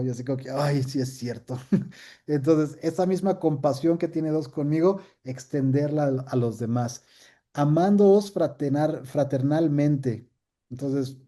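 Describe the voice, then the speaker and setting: A middle-aged pastor teaching a casual Bible class, chatty and jokey, acting out little quoted scenes. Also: male voice, fairly high pitch, warm tone.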